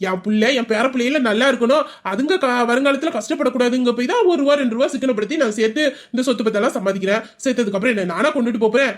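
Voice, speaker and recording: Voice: mid-range voice, very fast, hardly any pauses, close to an everyday voice. A performer voicing a stern self-justifying father. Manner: lecturing, self-justifying, persuasive. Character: stern thrifty middle-aged father, shop owner. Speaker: father Sellamuthu. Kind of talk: audio drama acting.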